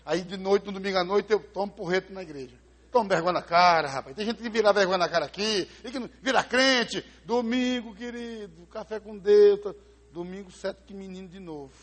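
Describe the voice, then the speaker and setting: A man from preaching a sermon as pastor, telling a story and acting out the voices, swinging between loud and hushed. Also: high-pitched, a little fast. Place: church sanctuary. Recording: live in a large church with long reverb.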